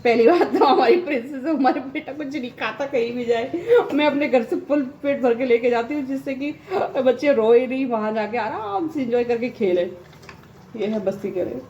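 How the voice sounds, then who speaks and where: Rambly mom vlogger chatting while washing up, kinda high voice, echoey bathroom, faint bg noise. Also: female voice, moderate pace, a little mellow, lo-fi sound. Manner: chatty, rambling, laughs often. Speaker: vlogger and mother. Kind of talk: casual chat while doing housework. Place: home bathroom. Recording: echoey room with faint ambience.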